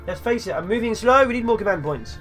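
Young man, high-pitched, chatty jokey game commentary, faint music behind. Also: animated, fast, fairly bright tone. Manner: chatty, jokey, talks to himself while playing. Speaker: let's play host. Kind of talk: gameplay commentary.

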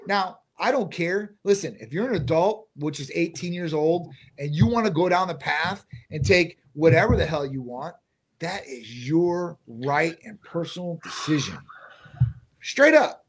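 A man with a fairly high, husky voice giving blunt, casual opinions. He co-hosts a live question-and-answer show and speaks into a desk microphone. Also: expressive, measured pace. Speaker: clinic owner, co-host. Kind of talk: live Q&A chat.

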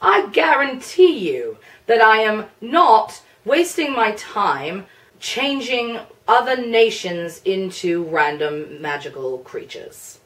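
A woman's voice: medium pitch, very animated, takes it slowly, fairly bright tone, distant mic. A woman playing England, a prickly young male nation personified, in a chatty, explanatory cosplay Q&A. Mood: defensive. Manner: chatty, explanatory, a bit flustered, laughs often. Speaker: cosplayer answering viewer questions. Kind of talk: in-character cosplay Q&A.

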